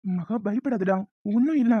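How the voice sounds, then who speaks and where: A woman's voice: a little high, expressive, normal speed, slightly rough, dry recording. A woman voicing a caring, protective husband who talks in a soothing, firm way, on a dull lo-fi recording. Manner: soothing, then curt and evasive. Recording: dull lo-fi sound.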